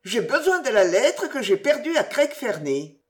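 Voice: mid-range voice, very animated, normal speed, voice pushed up, natural voice. A reader voicing a young woman, unwell and weary, who speaks plainly and curtly. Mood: firm. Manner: plain and curt.

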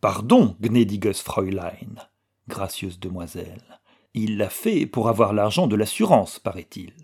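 A man's voice: on the low side, animated, a little slow, a little mellow, breathy edge, exaggerated voice. A man voicing a prim, gossiping middle-aged pastor's wife in an audiobook reading. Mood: insinuating.

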